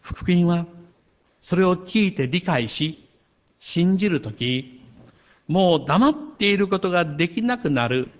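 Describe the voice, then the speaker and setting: A male pastor delivers a sermon in a slightly higher-pitched voice. He speaks earnestly, pressing his key points with rising volume. When he turns to a personal story, he drops into a softer, more confiding tone. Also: expressive, unhurried, long pauses.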